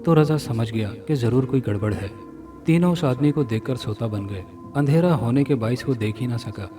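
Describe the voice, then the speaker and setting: A man reading a scripted horror story dramatically, sounding a little far from the mic over loud music. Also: medium pitch, normal speed. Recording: narration from a distance with loud music.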